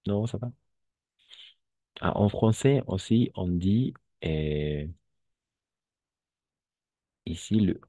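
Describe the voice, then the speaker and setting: A man's voice: deep voice, mellow, dry recording, highs cut off. A male French teacher giving an online class, patiently repeating words and switching into Spanish to explain them.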